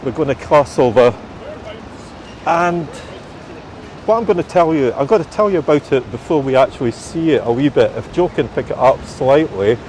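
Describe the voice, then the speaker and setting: A man with a Scottish accent gives an informal, halting live walking-tour commentary as a guide outdoors. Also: mid-range voice, lively intonation, a little mellow, poor audio. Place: outdoors on a rainy city street. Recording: outdoor street noise, passing traffic.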